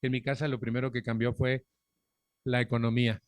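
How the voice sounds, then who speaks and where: A man's voice: medium pitch, level tone, brisk, clean tone, dry recording. A middle-aged man with a Mexican Spanish accent, giving a frank personal testimony at a recovery group meeting on a stand microphone, speaking bluntly with earthy profanity and direct questions to the audience.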